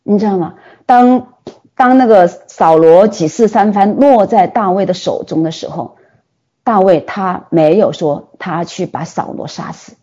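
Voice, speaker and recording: A woman preacher giving a sermon, telling the story with animated delivery and frequent rhetorical questions. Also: mid-range voice, measured pace, breathy edge, muffled recording.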